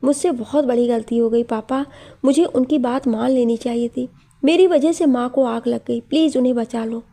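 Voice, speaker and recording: A frightened little boy in a storybook, voiced by a woman narrator, pleading and tearful. The voice is high and mellow, with a breathy, husky softness. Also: normal speed. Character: frightened young boy haunted by dreams.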